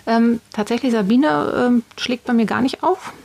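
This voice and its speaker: A woman's voice: a little high, normal speed, vocal fry, darkish tone. A woman in her forties from Berlin, a lawyer as podcast guest, speaking matter-of-factly with many fillers. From Berlin, Germany. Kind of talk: casual interview.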